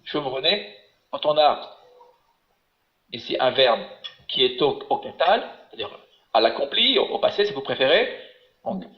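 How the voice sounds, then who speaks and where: A man's voice: mid-range voice, sing-song, normal speed, pauses often. A man teaching biblical Hebrew in an online class, patient and encouraging, explaining step by step. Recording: echoey room, dull webinar audio.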